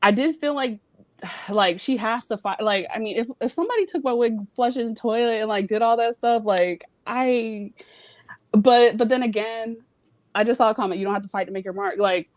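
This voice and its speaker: Her voice is fairly high and a little fast, recorded without echo. She's a young Virginian of Jamaican family, a call-in guest on a casual chat show phoning from home, rambling and frank, cursing freely and filling her talk with fillers.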